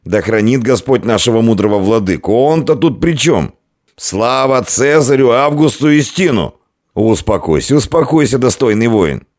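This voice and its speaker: A man voicing a sly, stocky innkeeper who pleads and frets in a flustered, higher voice in a storybook reading. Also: expressive, moderate pace, gravelly, few pauses, husky, no echo, clean studio sound, exaggerated voice. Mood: frightened.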